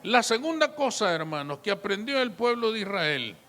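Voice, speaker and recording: A man's voice: high-pitched, sing-song, moderate pace, bright, forceful tone, big-room sound. A man pastor preaching an emphatic sermon, often turning to address the congregation directly.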